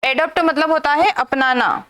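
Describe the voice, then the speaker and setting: A woman teaches English vocabulary to an online class. Her voice sits high. She drills her students with rhetorical questions and scolds them sternly when they slack off. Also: moderate pace, fairly bright tone. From India.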